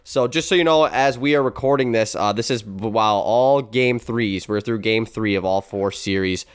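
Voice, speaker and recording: Young male sports podcast host, congested voice, fairly low and smooth, chatty. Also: normal speed. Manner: upbeat, chatty with filler words. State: stuffy, congested voice. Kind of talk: casual sports podcast chat.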